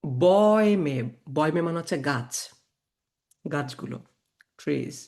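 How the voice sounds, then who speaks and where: A man teaching German pronunciation to beginners, slowly spelling out letters and repeating words aloud, with English words mixed into his speech. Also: a little high, animated, vocal fry, darkish tone.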